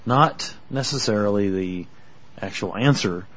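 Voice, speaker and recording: A man co-hosting a podcast in a relaxed, casual chat. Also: fairly low pitch, measured pace. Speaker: podcast co-host. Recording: dull lo-fi podcast audio.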